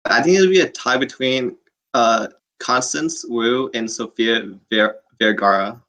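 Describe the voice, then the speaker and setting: A young man joins a casual podcast chat. He sounds bright and forceful, yet he hesitates and restarts while he works out his answers. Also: mid-range voice, measured pace. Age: young adult. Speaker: student club officer, guest.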